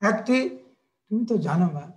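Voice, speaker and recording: Little boy voiced by a man, tearful, naive excuses, high-pitched, sermon storytelling. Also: animated, normal speed. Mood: pleading.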